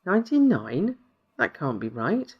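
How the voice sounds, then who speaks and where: A tired man, baffled and uneasy, asking incredulous questions, as the narrator plays him. The voice is a touch high for a man. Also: huge pitch swings, a little slow, breathy edge, highs cut off, heavily acted.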